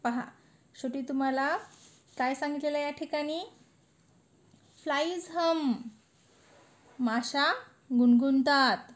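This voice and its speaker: A woman teacher, slowly reciting a children's poem and explaining it in a sing-song classroom manner. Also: high voice, fairly even intonation. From India. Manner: slow, sing-song recitation with lifted words.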